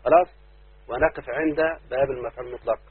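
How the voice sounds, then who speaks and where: A man with an Egyptian Arabic accent teaching a grammar lesson as a sheikh, often checking that students follow and slowing down on each example. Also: medium pitch, steady tone, husky, dry recording. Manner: keeps checking understanding, slows down to stress examples. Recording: tinny phone-like lesson recording.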